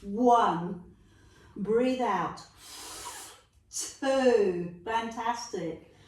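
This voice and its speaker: Drawing out her words in a fairly high, darkish voice, a middle-aged Londoner guides a Pilates session. She counts repetitions aloud, cheers the viewer and jokes around, her voice distant and echoing in the room.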